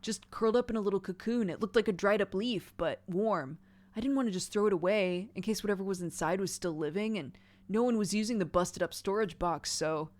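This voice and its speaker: A woman voicing an excitable, secretive boy who is fond of small creatures, in story game dialogue. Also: medium pitch, brisk, close to an everyday voice. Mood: explaining.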